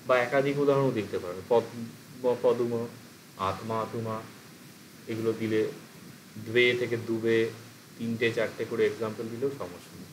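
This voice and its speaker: A man teaches an exam-prep lecture at a mid pitch. He works through each example one step at a time, often posing a question and then answering it himself. Faint background noise sits under his voice. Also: steady tone, normal speed, pauses often, poor audio.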